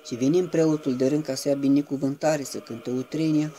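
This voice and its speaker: A man giving a reverent, measured devotional reading that slips into chanted intoning at times. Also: fairly high pitch, fairly even intonation, dark tone, slight background noise. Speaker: reader of a saint's life.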